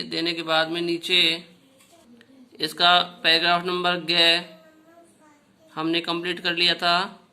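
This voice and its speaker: Slow, patient male teacher, bright voice. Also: high-pitched. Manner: slow, patient, repeats "ठीक है" often; pronounces words slowly for students to repeat. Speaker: school Sanskrit teacher. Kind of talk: classroom video lesson.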